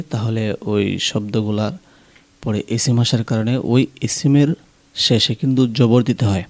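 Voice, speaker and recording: A man with a Bangladeshi Bengali accent teaches in a slow, unhurried way, pausing between short explanations. He breaks into long sung phrases to demonstrate each line, stretching the vowels. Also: medium pitch, darkish tone. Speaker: azan teacher. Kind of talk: pronunciation lesson.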